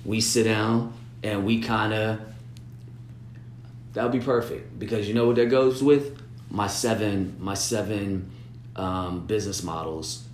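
A business-minded artist partner talks through business plans casually, rambling, repeating words, and checking in with "you know what I'm saying." His voice is on the low side, at a measured pace with long pauses. The room is echoey and noisy.

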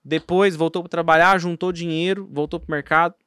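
A Brazilian man chats on a podcast with a slightly high voice that swings between loud bursts and low mutters. His talk rambles, full of slang and restarts. The sound is close and dry. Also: steady tone, fairly quick, clean tone, dry recording. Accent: Brazilian Portuguese. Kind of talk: casual podcast chat.

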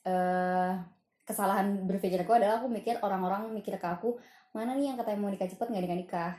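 A woman's voice: mid-range voice, quick pace, warm tone. A woman, reflecting candidly in a casual podcast chat. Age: 20s. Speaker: podcast co-host. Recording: echoey room.

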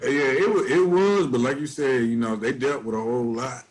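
A man's voice: mid-range voice, brisk, rough recording. A man co-hosting a podcast in casual chat, joking and slangy, laughing a lot. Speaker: podcast co-host.

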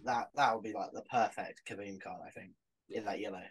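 A man's voice: on the low side, steady tone, a little fast, husky, low-quality recording. Laid-back, hesitant man. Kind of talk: casual podcast chat.

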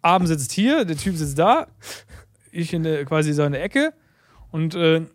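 A man's voice: on the high side, expressive, moderate pace, dry recording, clean studio sound. A young man, an entrepreneur guest, telling a rambling anecdote in casual chat, full of fillers and tag questions.

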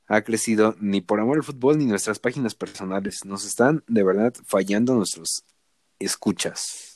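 A man's voice: medium pitch, darkish tone, no room sound. Man, Mexican accent, football banter, slangy, profane, joking, dry sound. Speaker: podcast co-host.

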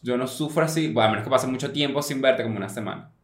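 A man's voice: medium pitch, very fast, reverberant, slight background noise. A man co-hosting a podcast, chatting casually in an easygoing way, laughing often and restarting his phrases. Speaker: podcast co-host. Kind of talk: casual chat.

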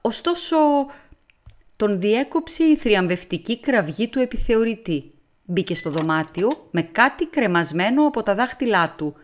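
A woman narrating an audiobook in a calm, even storytelling manner. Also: mid-range voice, a little hiss or hum. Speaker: audiobook reader. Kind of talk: scripted narration.

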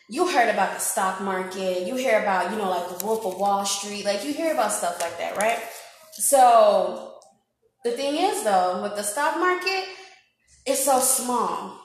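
A woman's voice: mid-range voice, heavy reverb, slight background noise, rough recording. A woman in her twenties from Illinois, a podcast guest, chatting upbeat with lots of fillers. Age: 20s. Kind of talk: casual chat.

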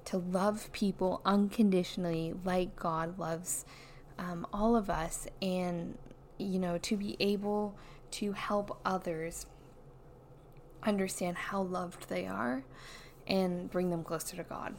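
A woman's voice: on the low side, fairly even intonation, slow pace. A young adult woman talking casually as a solo podcast host, chatty and often dropping in "like" as a filler. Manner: chatty, says "like" a lot as a filler. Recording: noisy background.

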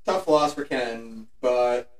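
Young man, slow and wisecracking. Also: medium pitch, distant mic. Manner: joking, wisecracking. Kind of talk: casual chat, picking game scores. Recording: echoey room, voice off-mic.

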